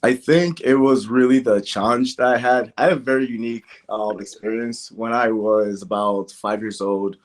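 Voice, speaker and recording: A young adult man speaks at a medium pitch with a steady tone, a moderate pace, and few pauses. Nigerian-born and raised in the American Midwest, he's a podcast guest telling personal stories in a casual interview, dropping "like" and "you know" throughout.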